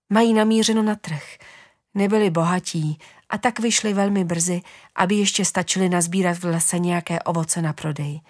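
A woman reading a fairy tale aloud in a gentle, unhurried way, often dropping into a whisper. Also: lowish voice, no room sound, clean studio sound. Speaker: storyteller. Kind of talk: storybook narration.

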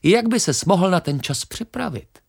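A reader voicing a small, patient, wise grain of wheat in a children's story, talking calmly and reasoning gently. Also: medium pitch, vocal fry, voice pushed up. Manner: calm, reasoning, gently coaxing.

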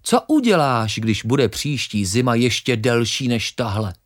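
A reader voicing a small, patient, wise grain of wheat in a children's story, talking calmly and reasoning gently. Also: mid-range voice. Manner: calm, reasoning, gently coaxing.

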